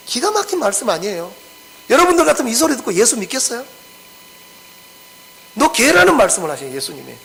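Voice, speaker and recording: A man's voice: high-pitched, vocal fry, a bit bright, poor audio. A pastor preaching an expository sermon. He acts out the scripture quotes and keeps asking the congregation questions.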